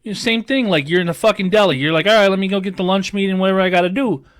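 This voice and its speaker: A man co-hosting a podcast, ranting casually and swearing freely, mocking people in high put-on voices. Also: fairly even intonation, rapid-fire. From Chicago area, US. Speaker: podcast co-host. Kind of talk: casual profane rant.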